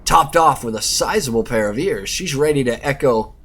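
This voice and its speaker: A man hosting a YouTube video as a reviewer reads an article aloud informally, interrupting himself with sweary asides of his own. His voice is medium-pitched, animated and fairly bright with a breathy edge, at a moderate pace.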